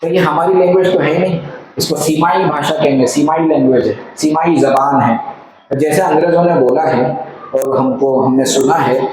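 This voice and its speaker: A man teaching a class of students, playful, quizzing them and spelling words out slowly. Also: a little high, fairly even intonation. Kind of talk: classroom lesson. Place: echoey classroom. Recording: echoey room, background noise.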